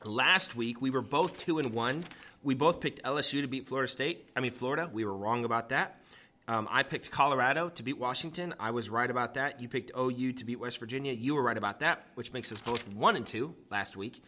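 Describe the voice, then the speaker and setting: A man with a bright, forceful voice hosts casual sports banter. He is amped up and teasing, and his R's come out like W's. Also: medium pitch, brisk, a little hiss or hum. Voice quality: can't say his R's, pronounces r like w. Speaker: sports podcast host.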